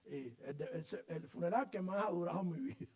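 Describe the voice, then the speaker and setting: Animated high-voiced pastor preaching. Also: male voice, a little fast. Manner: animated storytelling, acts out voices and sounds. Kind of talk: sermon. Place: church.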